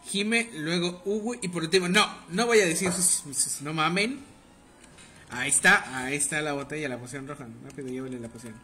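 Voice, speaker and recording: A young man with a Mexican Spanish accent livestreams a game, tossing out crude jokes and bantering with chat. His voice is fairly high, a little fast, and pushed and bright.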